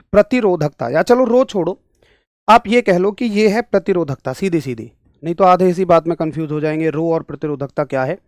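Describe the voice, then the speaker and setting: A young man with a high, darkish voice teaches an online exam-prep physics class, heard as clean studio sound with no room sound. Talking straight to his students, he scolds and then explains, emphatically repeating points and pressing them for yes-or-no answers.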